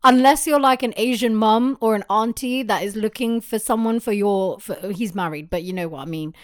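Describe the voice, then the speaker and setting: A woman's voice: on the high side, normal speed, no echo. A young adult woman, chatting casually and telling stories emphatically with urban slang and swearing. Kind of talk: casual chat, animated storytelling.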